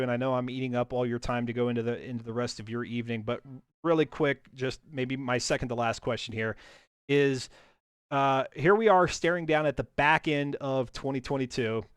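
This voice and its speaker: A man's voice: medium pitch, clean tone, no echo, clean studio sound. A man hosting a racing stream, chatting casually and joking, often restarting his sentences and laughing. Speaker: stream host.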